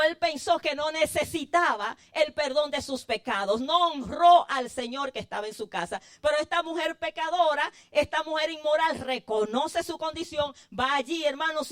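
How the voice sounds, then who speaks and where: A woman preaches a sermon in a high voice. She talks fervently, lifting and dropping her emphasis as she calls on her listeners as brothers. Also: a bit bright.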